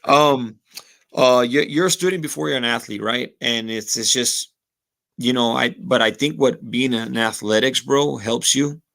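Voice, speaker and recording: With a mid-range, fairly bright voice touched by vocal fry, this podcast guest speaks unhurriedly and reflectively. He's a thirty-something former college football kicker from Texas's Rio Grande Valley, leaning heavily on "you know" fillers and mixing Spanish phrases into the casual conversation.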